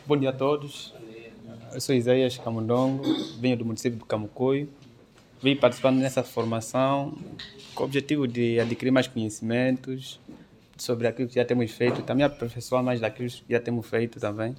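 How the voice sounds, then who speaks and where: A man's voice: mid-range voice, level tone, brisk. Modest man over background noise. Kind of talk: self-introduction.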